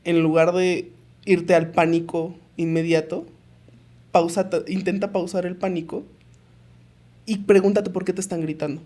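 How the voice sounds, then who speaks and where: Mellow-voiced Mexican woman giving calm advice. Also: fairly low pitch, normal speed, pauses often. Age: young adult. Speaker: podcast co-host. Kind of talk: casual chat.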